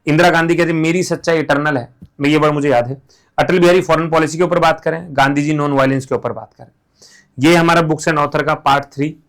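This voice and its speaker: A male teacher with a somewhat higher voice for a man. He explains exam facts casually and turns them into playful, silly stories to help students remember. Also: steady tone, fast talker, fairly bright tone. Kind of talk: mnemonic lesson, casual classroom talk.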